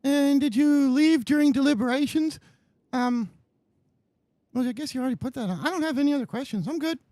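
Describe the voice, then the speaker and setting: A woman acting an aggrieved complainant in a comic courtroom role-play. The voice is very high and cheeky, putting questions with mock earnestness and small hesitations. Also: brisk, dark tone, no room sound, natural voice. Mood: hesitant questioning.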